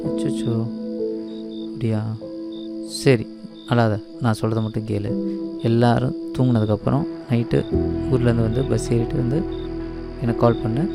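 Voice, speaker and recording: A coaxing young boyfriend, voiced by a man with a gravelly, mid-pitched voice. He speaks in a soothing, persuasive tone. Loud music plays behind him. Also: fairly even intonation, moderate pace, long pauses, lightly acted. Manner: coaxing, reassuring. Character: smooth-talking young male lover. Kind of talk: amateur short-film dub.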